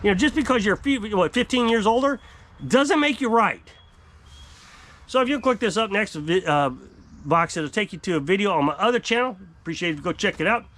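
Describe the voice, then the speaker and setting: A man's voice: high-pitched, animated, fairly quick, a bit bright. Exasperated man in his fifties, ranting. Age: 50s. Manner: exasperated, emphatic, gesturing widely. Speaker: off-grid homestead vlogger. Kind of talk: frustrated rant to camera. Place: outdoor covered porch by woods.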